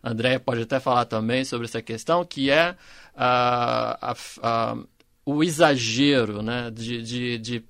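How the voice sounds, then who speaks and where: A man's voice: mid-range voice, vocal fry, a bit bright, dry recording. A man, a panel guest who often stalls and repeats words as he searches for them. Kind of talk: discussion on a panel show.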